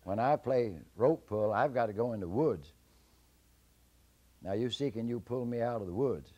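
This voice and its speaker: A man's voice: normal speed, dull audio, lightly acted. A man voicing Jack, a clever young trickster boy, in a told folktale. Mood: cocky, hollering. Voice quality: high, shouting, boastful drawl.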